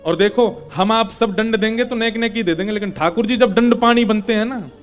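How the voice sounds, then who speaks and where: A man's voice: sits high, brisk, soft background music. A man retelling a scripture story as a devotional preacher, explaining it emphatically and chanting verses.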